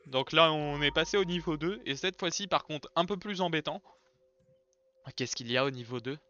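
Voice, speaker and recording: A man's voice: a little high, normal speed, sharp tone. A young man chatting playfully through a co-op video game and talking to his viewers. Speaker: gaming YouTuber. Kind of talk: casual gameplay commentary. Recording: dull lo-fi sound with game music.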